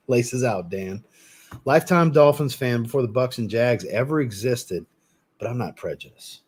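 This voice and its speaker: A man's voice: medium pitch, slightly rough. A man hosting a live stream in a casual, rambling way, blunt and cursing now and then, often restarting and repeating himself. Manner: rambling and blunt, with mild swearing. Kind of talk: casual live chat commentary.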